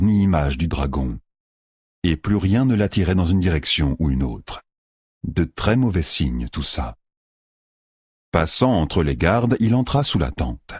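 Deep, expressive male narrator. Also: breathy edge, no echo, clean studio sound. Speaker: audiobook narrator. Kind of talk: scripted narration.

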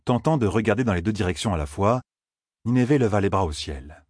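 Steady and measured, a deep-voiced man with a husky tone narrates a scripted audiobook. It's a clean studio recording without any echo.

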